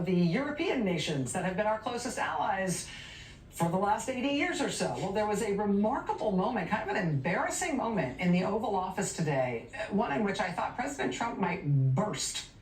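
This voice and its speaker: A woman's voice: mid-range voice, roomy sound, recorded from a distance, a little hiss or hum, poor audio. A woman hosting a cable news monologue, delivering it in a sardonic, emphatic way. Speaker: news host.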